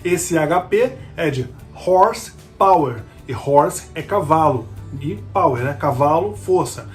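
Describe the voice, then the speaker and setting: A man's voice: fairly high pitch, animated, slow, soft background music. A man teaching an English lesson, patiently repeating key words and checking that the listener follows. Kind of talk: explanatory language lesson.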